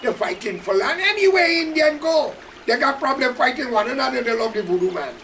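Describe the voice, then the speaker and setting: A man's voice: very high voice, animated, brisk, pushed and bright, recorded from a distance, a little hiss or hum, rough recording. A man from Guyana with a Guyanese accent, delivering an impassioned, preachy political monologue straight to his listeners. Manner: preachy, emphatic, addresses listeners directly. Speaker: political commentator.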